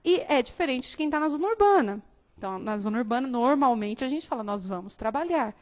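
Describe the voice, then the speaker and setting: A woman teacher from São Paulo state with a São Paulo Portuguese accent softened by years in the south, giving a live classroom lecture and often checking that students understand. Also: sits high, animated, quick pace. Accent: São Paulo Portuguese, softened by years in southern Brazil. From São Paulo state, Brazil.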